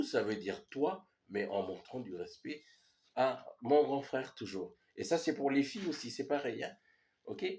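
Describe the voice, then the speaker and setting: A man's voice: mid-range voice, warm tone. A man from New Caledonia, an Iaai speaker, patiently explaining a language lesson and often checking that his listeners follow. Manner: patient, repeats "ok?" to check understanding. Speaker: language teacher.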